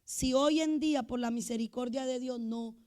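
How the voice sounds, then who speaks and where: High-voiced woman pastor preaching. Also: moderate pace, a little mellow. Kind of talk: sermon.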